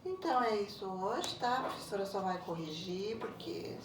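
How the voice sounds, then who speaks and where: A woman, a primary school teacher correcting homework in a recorded lesson, explaining slowly and patiently with frequent checking tags. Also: medium pitch, very animated. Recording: roomy echo, voice a bit far from the mic, faint background noise.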